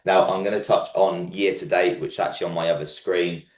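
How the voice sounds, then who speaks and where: A very deep-voiced man presents a market update like a commentator walking through figures. His voice is croaky and hoarse, as if a frog sits in his throat from feeling under the weather. The room around him is noticeably echoey. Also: fairly even intonation, brisk. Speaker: host of a property market update show.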